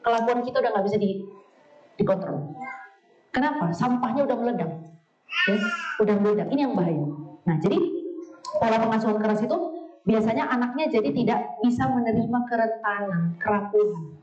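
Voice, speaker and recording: A woman, giving a lively, blunt talk with humour to a women's study group. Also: fairly high pitch, a little fast, long pauses. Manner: blunt, animated, acts out quoted voices, laughs often. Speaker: speaker at a women's study session. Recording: echoey far-off dull sound.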